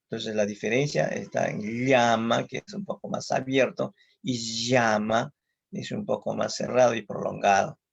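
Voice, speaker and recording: A man with a Peruvian accent giving a slow, deliberate lecture, listing example words and often adding a questioning "no?". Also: mid-range voice, fairly even intonation. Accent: Peruvian Spanish. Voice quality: gravelly, husky. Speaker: psychologist giving a conference talk. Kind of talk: online lecture. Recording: muffled lo-fi audio.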